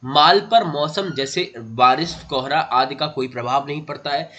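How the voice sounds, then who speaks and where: A man's voice: on the high side, measured pace, sharp tone, lo-fi sound. A man teaching an online exam-prep lesson, who calls his students beta, repeats key facts and keeps checking in with "theek hai".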